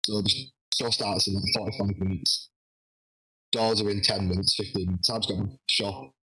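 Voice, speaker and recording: A young man, a wrestler guest, telling a lively anecdote with frequent restarts. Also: on the low side, moderate pace, slightly rough, low-quality recording. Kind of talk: casual storytelling.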